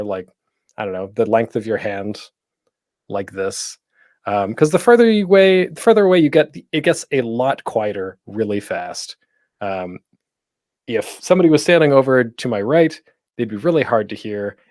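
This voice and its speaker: Here a man with a medium-pitched, slightly mellow voice presents a conversational tutorial as panel host, self-deprecating and rambling, tossing in jokey geek asides. He talks right up against a pop-screened mic, and there's no echo.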